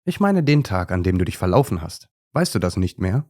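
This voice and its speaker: A man's voice: sits low, big pitch swings, a little fast, warm tone. A man voicing a know-it-all male chimpanzee in a children's story, pedantic and always correcting others. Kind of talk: storybook character voice.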